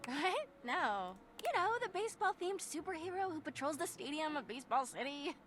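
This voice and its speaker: High, animated, chirpy wife. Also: female voice, normal speed, faint music behind. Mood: strained, needling. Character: forcedly cheerful, bickering wife, sharp-tongued and sweet. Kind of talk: video game voice acting.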